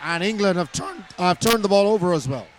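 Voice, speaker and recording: A hoarse man with a high voice and brisk pace calls a netball match live in an indoor arena. He sounds excited and often restarts his phrases.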